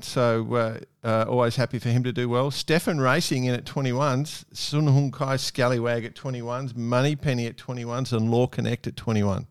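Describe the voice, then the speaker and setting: A man's voice: mid-range voice, clean tone, no echo, studio quality. A man hosting a casual sports chat. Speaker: podcast host.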